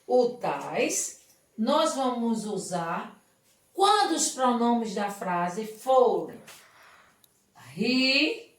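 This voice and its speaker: A woman teaching English, her voice a little high and unhurried. She explains step by step and keeps checking that the class follows. She sits far back from the mic in a room that echoes. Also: big pitch swings. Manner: slow, patient, often checks understanding. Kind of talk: remote classroom lesson.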